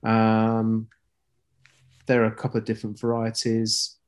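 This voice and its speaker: A man chatting as a podcast guest, playful and self-deprecating, often pausing and restarting. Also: fairly low pitch, completely flat delivery. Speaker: guest, weather presenter. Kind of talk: casual podcast chat.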